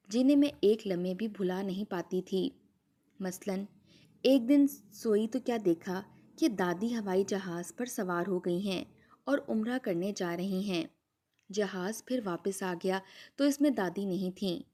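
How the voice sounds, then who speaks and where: A woman narrates a first-person story in a warm, mellow voice. Her delivery is steady and earnest, paced like a scripted reading. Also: medium pitch.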